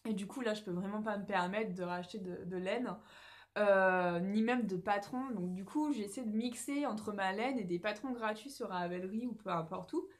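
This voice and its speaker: A woman's voice: mid-range voice, normal speed. A young French woman chatting casually to her camera about knitting, rambling with lots of fillers and restarts, recorded at home on a phone or camera. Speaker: knitting vlogger.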